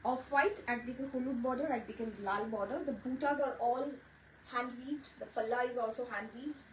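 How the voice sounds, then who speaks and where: A woman's voice: sits high, slow pace. A woman from Bengal hosting a live saree sale, chatty and mixing Bengali with English as she greets viewers by name. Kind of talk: live-stream sales pitch. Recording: echoey room, distant mic, faint noise.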